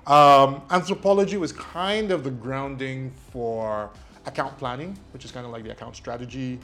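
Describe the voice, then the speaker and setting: In this casual interview, the guest is a media company CEO, a man from Nigeria who grew up speaking Ijesha. His mid-range voice has a fairly bright tone and a moderate pace, with soft music in the background, and he tells his story self-deprecatingly, full of ums.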